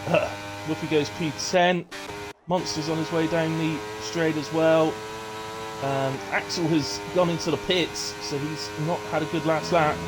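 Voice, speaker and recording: A man's voice: on the high side, noisy background. A man giving live, conversational play-by-play commentary on online race qualifying, thinking aloud as he follows the cars. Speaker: sim racing commentator.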